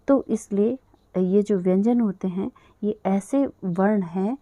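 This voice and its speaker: A woman teaching a language lesson to children, patiently spelling out sounds slowly and repeating them. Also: mid-range voice, dark tone, no echo, muffled recording.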